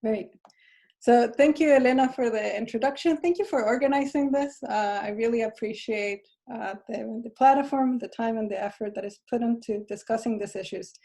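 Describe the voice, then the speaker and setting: A woman's voice: on the high side, moderate pace, warm tone. A woman from Chile, a physics professor, giving a friendly talk on a video call with light laughs between points. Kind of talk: presentation over video call. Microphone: computer mic on a video call.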